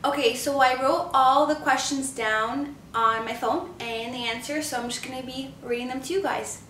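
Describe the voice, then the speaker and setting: Upbeat twenty-something vlogger gal from canada, a bit high, echoey room and set back from the mic. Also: female voice, steady tone, a bit bright, slight background noise. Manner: upbeat, chatty, quick bursts of speech. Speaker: beauty vlogger. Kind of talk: casual chat to camera. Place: living room or home office, indoors. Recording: roomy, slightly distant sound.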